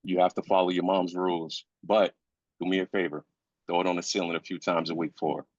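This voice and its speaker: In a live staged screenplay reading, a man plays a weary, grieving husband and father, insistent yet supportive and gently encouraging. His voice sits low with a level tone, fairly quick, with no echo on a dull, lo-fi recording.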